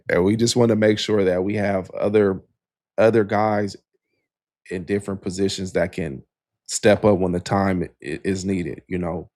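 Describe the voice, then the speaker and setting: Low-voiced man chatting about basketball. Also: a little slow, pauses often, no room sound, studio quality. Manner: relaxed, rambling, frequent "you know". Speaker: podcast co-host. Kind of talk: casual sports podcast chat.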